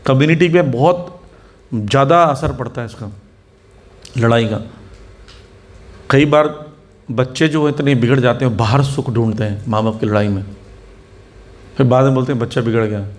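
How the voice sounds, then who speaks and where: A spiritual teacher with a medium-pitched voice and a moderate pace, pausing often, gives a Hindi sermon mixed with English words to a seated audience. He tells anecdotes, acts out the people in them, and poses rhetorical questions.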